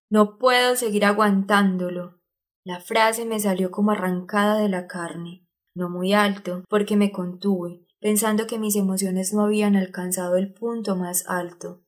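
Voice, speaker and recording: A woman's voice: medium pitch, a little mellow. Woman narrating a book aloud. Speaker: audiobook narrator.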